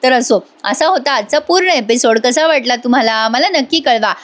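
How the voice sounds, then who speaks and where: Woman, high-pitched, lively, dramatic, retelling a serial episode. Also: moderate pace. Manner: lively, dramatic, addresses viewers directly. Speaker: TV serial recap vlogger.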